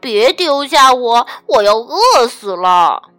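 A mischievous male elephant from a storybook, stuck and pleading but still cheeky, read aloud by a woman. The voice is high and slow-moving, with faint music playing underneath. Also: big pitch swings, fairly bright tone, dry recording, heavily acted. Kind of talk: storybook reading.

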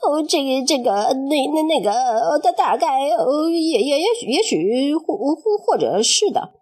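A woman's voice: sits high, slow pace. A woman voicing a timid short court minister in a storybook tale, stuttering and flustered. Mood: stammering.

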